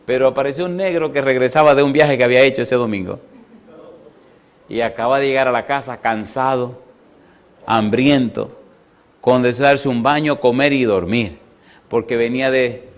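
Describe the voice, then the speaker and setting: A man, a pastor, preaching a sermon with repeated phrases, rhetorical questions to the congregation and a story told with voiced dialogue. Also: medium pitch.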